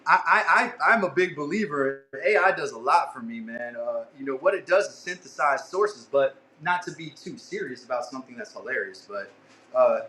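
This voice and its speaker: A man's voice: medium pitch, expressive, moderate pace, bright, forceful tone, echoey room, slight background noise, poor audio. A man who is a guest on a casual podcast, talking in a laid-back, rambling way with lots of "you know" and "man.".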